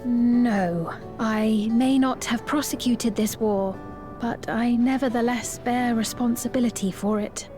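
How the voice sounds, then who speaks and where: A woman's voice: a little high, steady tone, unhurried, music in the background, lightly acted. A woman voicing a gracious, earnest young queen in a fantasy video game, with formal, courtly diction. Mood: formal, composed.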